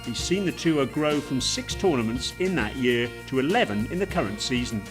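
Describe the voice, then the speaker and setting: A man hosting a golf highlights show, reading a smooth, measured scripted voice-over. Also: lively intonation. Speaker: show host and narrator. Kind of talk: scripted sports narration. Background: music.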